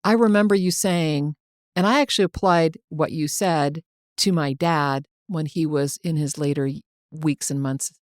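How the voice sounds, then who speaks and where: Low-pitched woman co-hosting a podcast. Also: normal speed, no echo, studio quality. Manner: encouraging, prompts stories, laughs easily. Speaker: co-host. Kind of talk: conversational podcast discussion.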